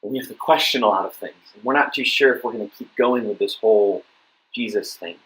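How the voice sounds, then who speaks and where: A young adult youth pastor gives a youth group talk, casually telling a personal story in a fast, fairly low, fairly bright voice on a low-quality recording. He uses many fillers, repeats words, and restarts often.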